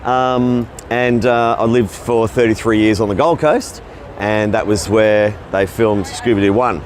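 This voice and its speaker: A fairly low-pitched male voice, a little slow, belongs to a middle-aged Australian voice actor telling his career story in a rambling, casual interview. The setting is a convention floor, and there is slight background noise.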